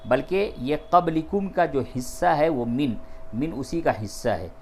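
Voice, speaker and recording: A man teaching Quran recitation rules step by step, patiently explaining and repeating key terms between slow, drawn-out recited phrases. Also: on the high side, expressive, slight background noise. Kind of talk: step-by-step tajweed lesson.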